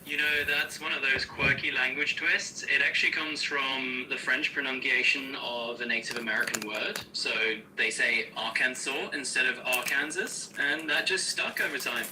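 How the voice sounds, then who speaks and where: A man's AI co-host voice with a very bright, sharp tone that sounds a little distant from the mic. He explains things smoothly and keeps them upbeat, mixing casual slang into tidy answers. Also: medium pitch, fairly even intonation, moderate pace, few pauses, slight background noise. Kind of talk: conversational Q&A co-hosting.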